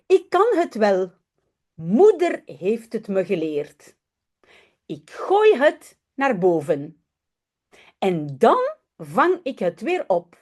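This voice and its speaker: A woman voicing a proud, bossy little girl in a children's story, in a bright, insistent storybook voice. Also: mid-range voice, wildly swooping pitch, takes it slowly, long pauses, heavily acted. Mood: confident.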